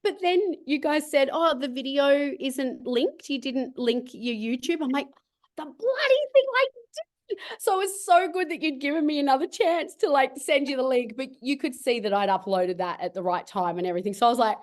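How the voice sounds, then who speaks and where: Bubbly woman, fairly high voice. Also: brisk, few pauses. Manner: bubbly, rambling storyteller, laughs often. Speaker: cosmetics business founder, grant winner. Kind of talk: casual video-call interview.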